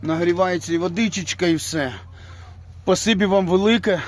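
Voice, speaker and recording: A soldier records a thank-you message at a military position, his voice pitched high. He speaks warmly and homely, with fond little words. The clip has clear background noise. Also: normal speed. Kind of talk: casual video message. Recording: noisy field video clip.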